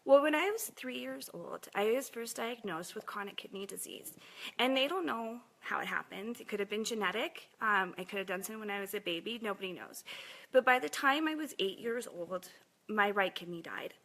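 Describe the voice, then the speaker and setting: A woman in her forties tells her own story candidly and with emotion, often dropping to a breathy near-whisper. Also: mid-range voice, animated, brisk, fairly bright tone, poor audio. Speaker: mother sharing her health story. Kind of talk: personal testimony.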